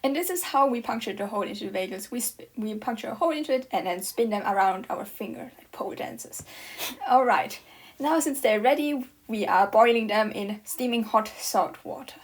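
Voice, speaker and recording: A woman's voice: a little high, expressive, a little fast. Playful woman narrating her baking. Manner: playful, mock-dramatic asides. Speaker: co-host baking. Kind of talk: casual cooking vlog narration.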